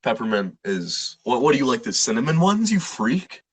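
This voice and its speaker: A young man co-hosting a casual podcast chat, excitable and animated, with a husky voice. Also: mid-range voice, moderate pace, rough recording. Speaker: podcast co-host.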